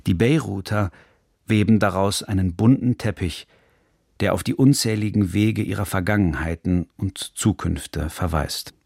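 A man reading a scripted radio documentary narration in a measured, serious manner, recorded in a studio. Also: sits low, creaky, darkish tone, dry recording.

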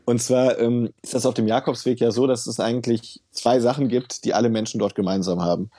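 Male researcher, measured and explanatory, warm husky tone, dry studio sound. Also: medium pitch, fairly even intonation, dry recording. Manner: thoughtful, explanatory, uses fillers. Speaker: work researcher, author. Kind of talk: interview answers.

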